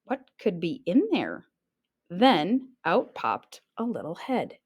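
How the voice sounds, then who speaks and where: This woman has a husky, fairly low voice and a slow pace as she reads a picture book to children like a teacher. She brings the narration to life expressively, performing small sound effects along the way.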